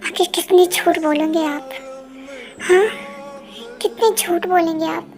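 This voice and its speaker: A woman's voice: extremely high pitch, steady tone, unhurried, a little mellow. A woman voicing an angry, jealous young woman who accuses her partner of abandoning her. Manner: accusing, sulky, fiery. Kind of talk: fan audio drama acting. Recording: music playing behind.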